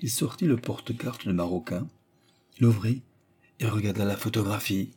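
A man reads a literary short story aloud in a measured, storytelling way, slipping into the characters as the dialogue comes. His voice is low and dark, with a husky, breathy grain. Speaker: audiobook reader. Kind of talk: scripted literary narration.

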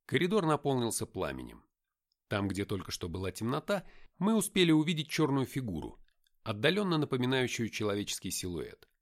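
Expressive male audiobook narrator. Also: mid-range voice, a little fast. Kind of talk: first-person audiobook narration.

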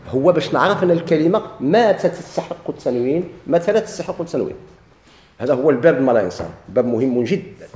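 A man's voice: a little high, mellow, roomy sound. A man with a Moroccan Arabic accent teaching a grammar lesson. He keeps posing questions and answering them himself.

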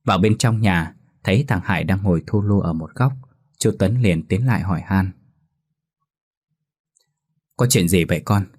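Ghost story narrator: a man with a deep, husky voice, steady and even delivery. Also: fairly quick. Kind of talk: scripted horror story narration.

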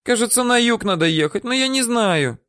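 A man's voice: extremely high pitch, lively intonation, a little fast, fairly bright tone, no echo, clean studio sound, voice pushed up. A man voicing a frightened, whimpering woman for an audiobook, her voice whiny, squealing and pleading. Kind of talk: audiobook character voice.

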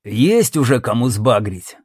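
A man's voice: medium pitch, very animated, unhurried, a little mellow, breathy edge, dry recording, clean studio sound. A man reading an audiobook, voicing a coarse, jeering male gang boss. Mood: crude. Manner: crude, jeering.

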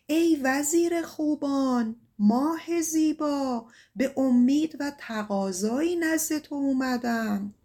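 Earnest young shepherd guy begging for help, voice pitched up, woman narrator doing him. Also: animated, darkish tone. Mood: pleading. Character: brave young male shepherd searching for his love.

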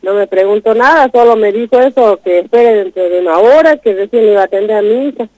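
A woman pours out a distressing account, circling back and repeating words in her urgency. Her mid-pitched voice sits close and dry with no room around it. The sound is dull and lo-fi, like a radio broadcast. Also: fast talker, mellow, no room sound. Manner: urgent, repetitive, retelling in a rush. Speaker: guest telling her story. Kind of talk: emotional first-person account.

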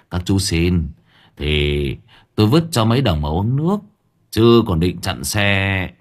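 Cocky gang boss with mocking laughs, a man reading the part, husky voice. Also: low-pitched, sing-song, takes it slowly, heavily acted. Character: tough middle-aged male gang boss, cocky.

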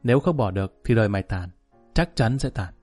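A man's voice: fairly low pitch, lively intonation, brisk, a little mellow, faint music behind. A man voicing an earnest male gangster who pleads with his friend.

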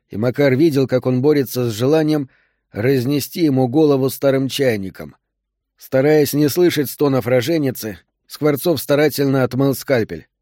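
An audiobook narrator reads a novel aloud in a measured, steady storytelling voice, following a script. His voice is mid-range, and the sound is clean studio quality with no room sound.

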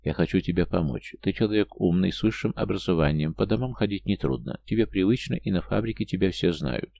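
A man's voice: deep voice, lively intonation, brisk, vocal fry, warm tone, full character voice. A man voicing a persuasive, businesslike prosecutor in an audiobook. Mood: persuading. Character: prosecutor, persuasive old friend.

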